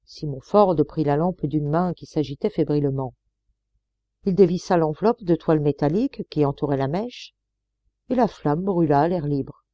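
A woman reading a classic novel aloud as an audiobook, in steady, measured storytelling. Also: deep voice, no echo, lo-fi sound. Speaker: audiobook reader. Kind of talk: scripted audiobook narration.

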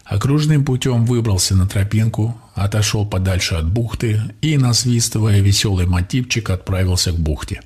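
A man narrating a first-person audiobook in a steady, matter-of-fact way. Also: on the low side, moderate pace, hardly any pauses, husky.

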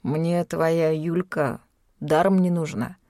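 A woman's voice: low voice, slow pace, mellow, no room sound, clean studio sound. A woman reading an audiobook, voicing a brusque, irritable young man who snaps and then pleads. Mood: defensive. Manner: gruff, snapping, then pleading. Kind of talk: audiobook character voice.

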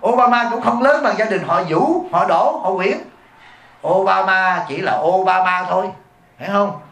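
Male Buddhist monk, rapid emphatic sermon delivery, recorded in an echoey hall. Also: high voice, a bit bright. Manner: blunt and emphatic, keeps questioning the audience. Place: hall before a live audience.

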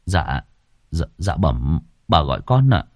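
A man's voice: very deep voice, big pitch swings, slow pace, a little mellow, no room sound, clean studio sound, voice pushed down, heavily acted. A man voicing a timid young male servant who stammers and talks deferentially.

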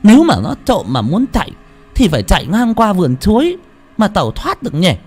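A man voicing a spiteful, foul-mouthed young servant girl in a ghost story, with a shrill, snarling delivery. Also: wildly swooping pitch, fairly quick, darkish tone, breathy edge, heavily acted. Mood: puzzled.

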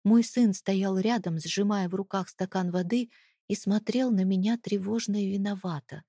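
A woman reading a first-person novel aloud as an audiobook, in an even, measured way. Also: medium pitch, dry recording, studio quality. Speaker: audiobook reader.

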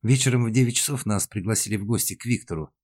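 An earnest young woman caught up in a train murder, put on by a male audiobook reader. She speaks eagerly, a little flustered, lifted above his husky, low natural voice. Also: quick pace, a little mellow, close to an everyday voice.

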